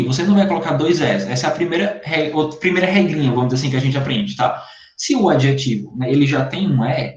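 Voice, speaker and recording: A man teaching an online English class in Brazilian Portuguese, explaining patiently and checking in with his students again and again. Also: on the high side. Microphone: computer mic in a video call. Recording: echoey, dull lo-fi call audio.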